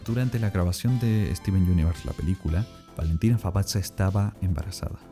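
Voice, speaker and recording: A man's voice: low voice, fairly quick, mellow, faint music behind. A man narrating a scripted explainer as the presenter of the video.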